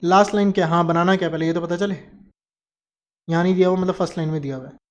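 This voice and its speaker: A man's voice: high voice, fairly even intonation, very fast, muffled recording. A man teaching accounts in a classroom lecture. He mixes Hindi with English terms and asks questions that he answers himself. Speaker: commerce teacher.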